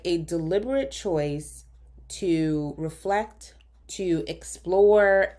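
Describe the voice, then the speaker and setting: A woman physician hosting a solo podcast, talking earnestly and directly to listeners, slightly hoarse from a lingering cough. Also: on the low side. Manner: earnest, coaching, direct address.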